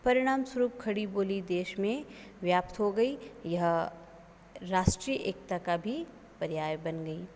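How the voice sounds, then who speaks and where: Woman lecturer going through examples slowly, voice echoing a lot. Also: mid-range voice, animated, darkish tone, a little hiss or hum. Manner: slow, measured explanation with listed examples. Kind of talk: online lecture.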